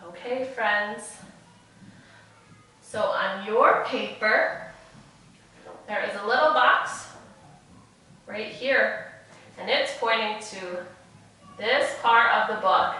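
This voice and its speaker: A woman's voice: mid-range voice, takes it slowly, long pauses, sharp tone. A woman teaching young children in a kindergarten teacher voice, speaking in simple, encouraging phrases for a virtual lesson. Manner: encouraging, with frequent praise and prompts. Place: echoey indoor room, away from mic. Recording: very echoey room, distant mic.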